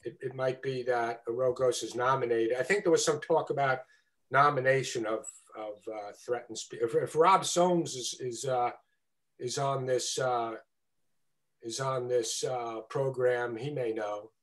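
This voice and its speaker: A man's voice: medium pitch, measured pace, fairly bright tone. A man speaking as guest presenter on a video call, answering questions with frequent fillers and restarts.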